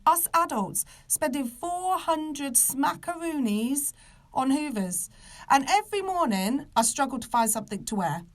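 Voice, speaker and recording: A British woman of about thirty with soft R sounds, ranting casually and comically to a live online audience in an exasperated, emphatic, sweary manner. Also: sits high, lively intonation, a little slow. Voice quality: soft, non-rolled R sounds. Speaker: podcast host.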